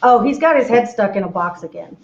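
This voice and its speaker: A woman's voice: fairly high pitch, lively intonation, a little fast. A woman co-hosting a radio show, chatting easily and saying "like" a lot. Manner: easygoing, uses "like" a lot. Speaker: co-host. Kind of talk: casual chat. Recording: roomy dull sound with faint noise.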